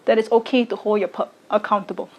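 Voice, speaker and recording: Measured woman in her twenties. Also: medium pitch, steady tone, rough recording. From Singapore. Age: late 20s. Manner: slow, deliberate, measured delivery. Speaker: arts educator and content creator. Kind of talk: recorded personal statement to camera.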